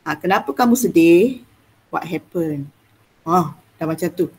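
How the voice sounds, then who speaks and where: A woman's voice: fairly low pitch, expressive, a little slow, a little mellow, slightly rough. Malaysian woman teacher coaxing an online class. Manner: coaxing, many "ah" fillers, chatty.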